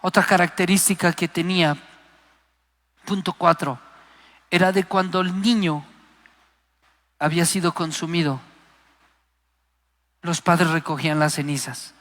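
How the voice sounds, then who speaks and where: Passionate preacher, bright voice. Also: male voice, fairly high pitch, steady tone, measured pace, long pauses. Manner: passionate, emphatic, acts out quoted voices. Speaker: guest preacher. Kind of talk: Pentecostal sermon. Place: live church service. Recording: long hall reverb.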